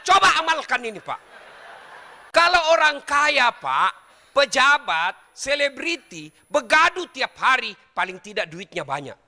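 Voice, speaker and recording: Middle-aged preacher guy, high bright voice, jokes with the crowd. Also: long reverb tail. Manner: jokey, animated, addresses listeners directly. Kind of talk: comedic sermon to a live audience.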